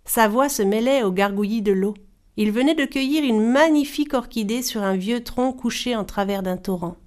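A woman storyteller reading a folktale aloud in a measured, expressive style. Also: a little high. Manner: measured, animated voices for characters.

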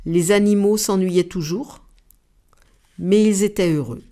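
A woman reading a children's story aloud in an expressive, unhurried way. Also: medium pitch.

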